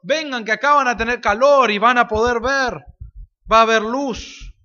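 Calm stranger figure in a sermon story, voiced by a male preacher, bright tense tone, long hall reverb. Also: very high voice, normal speed. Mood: calm inviting. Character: kind mysterious stranger man bringing fire. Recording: reverberant hall, dull lo-fi sound.

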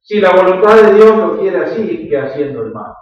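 High-voiced Rioplatense pastor in echoey hall. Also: male voice, big pitch swings, moderate pace. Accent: Rioplatense Spanish. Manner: earnest, explanatory, emphatic rises. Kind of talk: sermon. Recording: echoey hall, distant, dull sound.

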